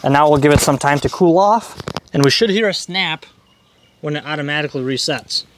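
A little hiss or hum sits under this fairly quick, high-leaning male voice. The speaker, a DIY repair video host in his thirties, gives a plain-spoken, informal step-by-step demonstration at a table in a leafy outdoor garden, using a wireless clip-on mic fixed to his chest.

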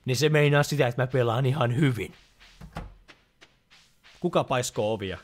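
A young man giving casual let's-play commentary, chatty and joking as he reads game lines aloud. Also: medium pitch. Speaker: gaming YouTuber.

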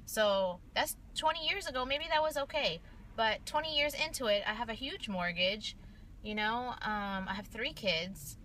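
Sitting in her parked car during the day, a late-thirties nurse rambles and vents casually to her viewers, filmed by a phone held at arm's length amid car noise. Her voice is a little high and fairly bright, at a moderate pace.

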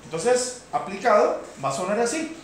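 A man's voice: high voice, very animated, moderate pace, slight background noise. A man teaching a beginner keyboard class, explaining patiently and checking in with the students. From Colombia. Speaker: piano instructor. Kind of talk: classroom lesson. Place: community center classroom. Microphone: far camera. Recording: roomy echo, distant mic. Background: piano keyboard playing.

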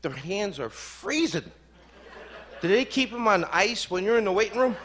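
A man's voice: high voice, sing-song, moderate pace, fairly bright tone. A man doing a stand-up set in a comedy club, brash and profane, teasing the crowd. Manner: brash, profane, teases the audience. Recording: live club recording with room noise.

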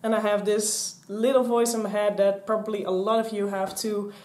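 A chatty young Dutch vlogger, in her twenties, rambles animatedly toward a stand-mounted camera, gesturing freely. Her voice sits in the mid range at an ordinary speed. The indoor craft room, with its shelves and mannequins, gives the recording an echo.

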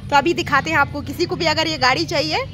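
A middle-aged woman chats straight to viewers in a casual travel vlog, filming at night at an outdoor cafe and street with a phone camera held at arm's length. Her voice is high-pitched, quick, pushed, and bright.

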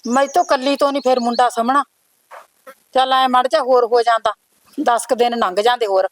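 A woman's voice: on the high side, fairly even intonation, a little fast, dry recording, lightly acted, low-quality recording. A woman with an Indian Punjabi accent playing a caring family mother who soothes her daughter. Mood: coaxing. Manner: coaxing, motherly. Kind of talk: village family short film acting.

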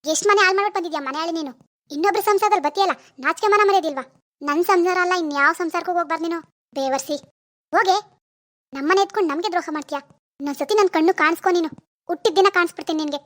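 Woman voicing a fiery cartoon wife, very high. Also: fairly even intonation, rapid-fire, no echo, studio quality. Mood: scolding. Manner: scolding, then firm and reassuring. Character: fierce, loyal young wife. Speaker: narrator who greets viewers. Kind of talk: cartoon voice acting.

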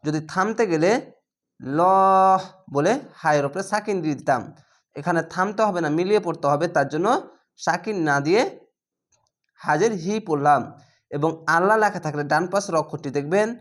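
A man teaching Quran reading, explaining each rule and then chanting the words slowly and drawn out. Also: fairly high pitch, a bit bright. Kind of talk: spelled-out recitation lesson.

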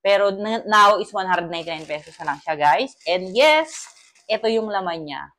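A man's voice: sits high, expressive, moderate pace, bright, forceful tone. A young man from the Philippines in his twenties chatting casually through a product unboxing review, calling viewers "guys" and mixing Tagalog with English, recorded on a lapel mic in a small home kitchen. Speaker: vlogger.

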